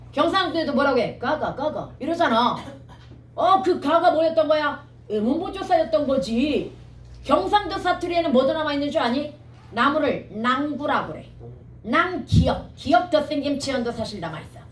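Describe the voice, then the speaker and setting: A woman teaching Korean grammar for exam prep, talking briskly and quizzing students with rhetorical questions. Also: high voice, reverberant, far from the mic, poor audio.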